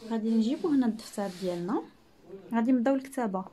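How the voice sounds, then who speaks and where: A woman teacher with a Moroccan Arabic accent, explaining exercises patiently, repeating words and sounding out French syllables slowly. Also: a little high, warm tone. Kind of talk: classroom-style lesson narration.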